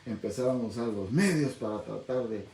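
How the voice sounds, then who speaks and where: A man's voice: medium pitch, fairly quick, darkish tone, roomy sound, low-quality recording. A man teaching the Bible on the radio in a conversational preaching style, often checking in with his listeners by asking "¿verdad?". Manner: conversational, constantly asks "¿verdad?".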